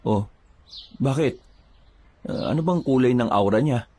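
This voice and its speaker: A man playing a steady, protective village father who talks in a plain, reassuring way. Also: mid-range voice, unhurried.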